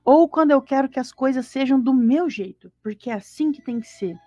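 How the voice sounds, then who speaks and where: A woman's voice: high voice, brisk, mellow, lo-fi sound, faint music behind. Chatty Brazilian woman teaching faith at home. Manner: conversational, asks rhetorical questions and addresses listeners as "gente"; acts out everyday voices and sighs of dismay. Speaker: co-host of a spiritist gospel study. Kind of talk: informal spiritual teaching talk on a live stream.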